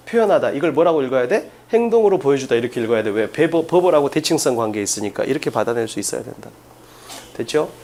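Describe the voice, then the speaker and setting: A man with a fairly high voice lectures an exam-prep class. He talks in an emphatic way and keeps firing short questions at his students to drill the main points. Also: a little mellow. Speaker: English teacher.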